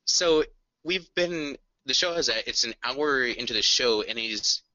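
A man's voice: medium pitch, animated, a little slow, sharp tone, no room sound, dull audio. A man co-hosting a podcast, telling an enthusiastic, earnest story in casual music chat. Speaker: podcast co-host.

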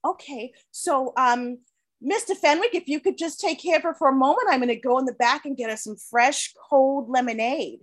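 A woman's voice: high-pitched, normal speed. A woman playing an eager female beauty shop receptionist in an improvised comedy scene, sweet and earnest. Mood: welcoming.

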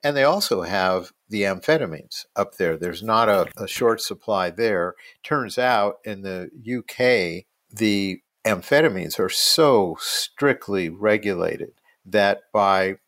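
A man's voice: fairly low pitch, lively intonation, takes it slowly, hardly any pauses, a bit bright, dry recording. A man speaking as a doctor on a podcast, explaining medical matters conversationally.

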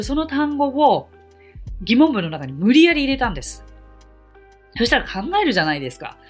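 Woman podcast host and English teacher, husky and expressive, earnest explainer. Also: mid-range voice. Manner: earnest, explanatory, with bursts of excitement. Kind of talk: podcast talk.

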